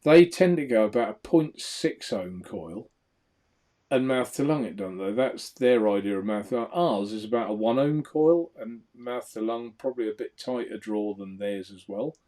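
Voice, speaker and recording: A man co-hosts a casual live vape show, reading viewer comments aloud. Chatty and laughing often, he sometimes trails off into mumbles. His fairly low, mellow voice has lively intonation and a moderate pace.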